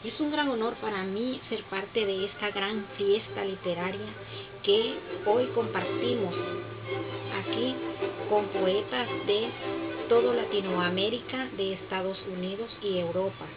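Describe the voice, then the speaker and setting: Honduran woman poet, measured and solemn, stage podium mic, muffled camera sound under loud music. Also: mid-range voice. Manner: slow, solemn and declamatory. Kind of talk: poetry recital speech. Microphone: podium mic, camera far off in the hall.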